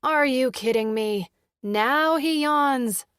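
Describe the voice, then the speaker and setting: A warm, lively young mother, played by a woman reader, outspoken and quick with affection. Her fairly high voice is heard in a dry, close storybook recording. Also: dry recording, lightly acted. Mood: exasperated.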